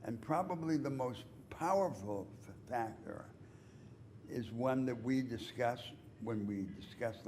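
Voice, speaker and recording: A man giving a university lecture in a lecture hall, explaining in a measured, deliberate way with emphatic rises. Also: medium pitch, darkish tone, a little hiss or hum.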